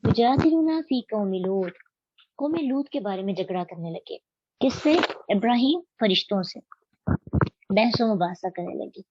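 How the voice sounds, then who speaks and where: A woman's voice: mid-range voice, expressive, normal speed, breathy edge, highs cut off. A woman giving a religious study lecture as a Quran teacher. She recites Arabic verses and explains them step by step, asking her listeners questions.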